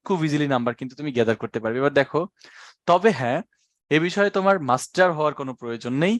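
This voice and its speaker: A young male teacher with a Bangladeshi Bengali accent, speaking a little higher than most men. He explains exam rules patiently, going over each point again and again. The sound is dry and close, with no room echo. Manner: patient, explains slowly and repeats key points; addresses students as "ভাইয়া". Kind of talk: exam-prep lecture.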